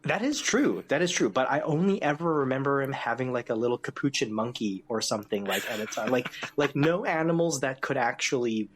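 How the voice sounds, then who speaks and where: A man's voice: medium pitch, a little fast, hardly any pauses. A man co-hosting a casual podcast chat, steering the topic and chuckling through his sentences. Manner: leads the topic, laughs often mid-sentence. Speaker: podcast co-host.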